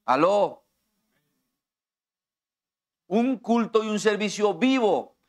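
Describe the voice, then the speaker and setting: Middle-aged Colombian pastor, a touch high in pitch, preaches directly to the congregation and leans on everyday examples. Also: male voice, very animated, slow pace. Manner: direct, conversational preaching that addresses listeners personally; explains with everyday examples and acts out quoted dialogue. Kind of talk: sermon.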